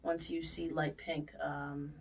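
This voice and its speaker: A woman with a lowish voice and noticeable vocal fry talks through patient instructions in an explanatory way, checking in as she goes. She sounds a little distant from the microphone, with faint noise in the room. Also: flat delivery, slow pace. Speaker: dental surgery staff giving aftercare instructions. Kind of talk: informal spoken patient instructions. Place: indoors at a clinic.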